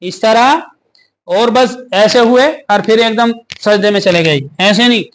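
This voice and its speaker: High-voiced man teaching prayer, slow and deliberate. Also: fairly bright tone. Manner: asks questions and answers them himself, recites slowly with pauses. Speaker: religious teacher. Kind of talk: step-by-step prayer lesson.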